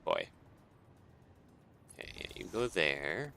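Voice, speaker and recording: A man's voice: low voice, extremely slow, vocal fry. A man streaming a game, casually talking himself through building and chuckling often, tired and yawning. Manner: thinks aloud, chuckles often, relaxed rambling. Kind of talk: casual gameplay commentary. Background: soft background music.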